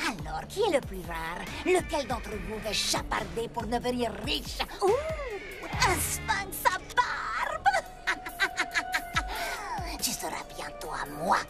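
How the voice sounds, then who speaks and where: An actress voicing a scheming, gleeful female cat thief in a French cartoon dub, theatrical and cackling, with loud music behind. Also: on the high side, wildly swooping pitch, measured pace, heavily acted. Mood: gloating.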